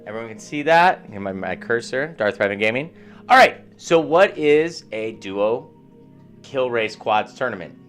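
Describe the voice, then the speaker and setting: A man hosting a live gaming stream in casual chat, giving upbeat shout-outs to viewers. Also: medium pitch, expressive, unhurried, faint music behind.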